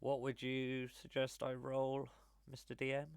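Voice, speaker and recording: A man's voice: medium pitch, monotone, measured pace, clear, resonant tone, no room sound. Man, tabletop player, exasperated groans, dry close sound. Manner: exasperated, swears and groans in character. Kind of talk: playing a tabletop game.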